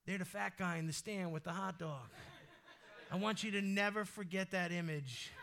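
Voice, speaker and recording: A male pastor preaching a sermon in a conversational, energetic way that breaks into loud exhortations. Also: high voice.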